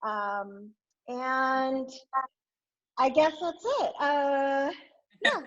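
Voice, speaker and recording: A woman introducing herself to her new team over a video call. She talks hesitantly, with many ums, and laughs lightly. Her high voice comes through dull, lo-fi call audio. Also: expressive, very slow, a bit bright. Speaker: real estate agent introducing herself.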